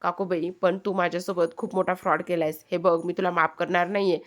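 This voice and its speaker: A woman's voice: lowish voice, flat delivery, brisk, close to an everyday voice. Woman voicing an angry young man. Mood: angry, accusing. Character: angry young man threatening his aunt.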